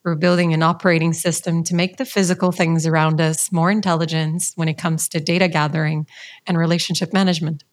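A woman talks in a relaxed, chatty podcast conversation. Her voice sits on the lower side and comes across as eager and animated in manner, often dropping in casual fillers. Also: quick pace. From Brazil. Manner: enthusiastic, chatty, fillers like "you know". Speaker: podcast co-host.

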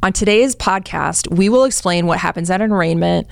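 A woman's voice: fairly low pitch, fairly quick, creaky, dry recording. A woman lawyer co-hosting a podcast, chatting casually and teasing her co-host. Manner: teasing, playful. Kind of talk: casual chat.

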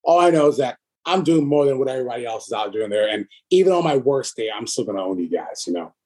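Fast-talking husky man. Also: mid-range voice, lively intonation, darkish tone. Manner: fast, rambling, peppered with "you know". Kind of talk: casual podcast chat.

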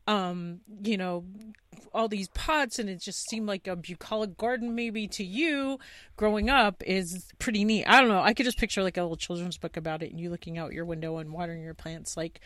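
A woman with a mid-pitched voice hosts a casual podcast interview in a dry, close sound. She talks in a rambling, conversational way, with plenty of "like" in her phrasing. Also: steady tone, fairly quick, a bit bright, no echo. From New York area, just east of the city. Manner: rambling, peppered with "like". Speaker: podcast host, elementary teacher.

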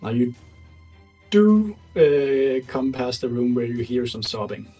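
A man running a tabletop game, narrating in a loose, halting way. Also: mid-range voice, big pitch swings, warm tone, far from the mic, soft background music, poor audio. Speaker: game master.

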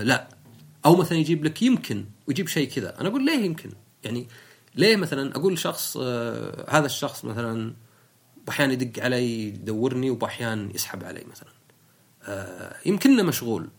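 A man with a Saudi accent, a podcast host talking casually and explaining his views with everyday examples. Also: mid-range voice. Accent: Saudi Arabic.

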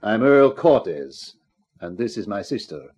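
A middle-aged actor with a low, darkish, breathy voice plays a smooth, formal and calculating foreign schemer in a 1950s radio drama. His heavily acted, very animated delivery is a little slow and polite, heard on a dull recording of the era.

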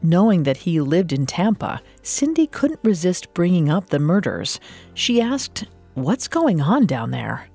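An American woman co-hosting a true crime podcast, narrating scripted material with deliberate, dramatic delivery. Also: on the low side, big pitch swings, darkish tone, breathy edge, soft background music.

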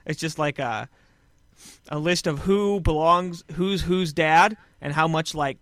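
Rambling, deadpan podcast host man. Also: fairly high pitch, slow pace, dry recording. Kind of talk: casual chat. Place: small room on a couch.

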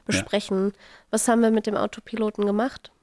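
A woman's voice: mid-range voice, flat delivery, quick pace, darkish tone, dry recording. A woman with an Austrian accent and a nasal, congested voice, hosting a casual podcast. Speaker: podcast host.

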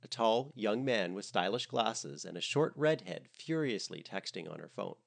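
A man narrating a comedic story in a wry, expressive way. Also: on the low side, moderate pace, creaky.

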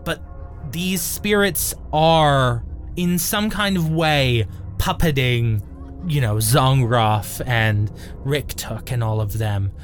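A man improvising tabletop game narration as game master, descriptive and halting, with drawn-out pauses. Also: mid-range voice. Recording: faint music behind.

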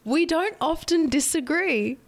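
A young woman chatting as a podcast co-host, her voice stuffy and nasal from a cold. She sits a little higher than most women. She talks in an easygoing, agreeable way and laughs often. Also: lively intonation, a little slow. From Australia or Puerto Rico. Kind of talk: casual chat.

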